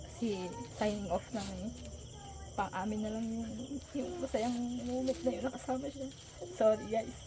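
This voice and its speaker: A woman telling a personal story in a soft, halting voice, close to tears. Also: fairly high pitch, fairly even intonation, noisy background. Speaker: vlogger and co-host.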